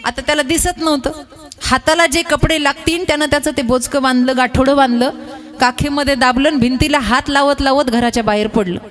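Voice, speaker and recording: A woman preacher giving a devotional kirtan sermon, telling a folk story in a folksy, lively way with humorous asides to the listeners. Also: sits high, a little fast.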